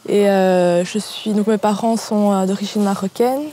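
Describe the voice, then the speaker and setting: Hesitant woman with a mellow tone. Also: medium pitch, steady tone, normal speed, slight background noise. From France. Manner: hesitant, many fillers. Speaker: interviewee. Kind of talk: interview answers.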